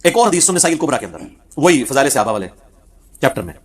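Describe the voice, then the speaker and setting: A man's voice: mid-range voice, breathy edge. A man giving a religious lecture on hadith, telling the stories vividly and acting out the quoted speech. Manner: animated storyteller who acts out quoted speech. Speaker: Islamic preacher.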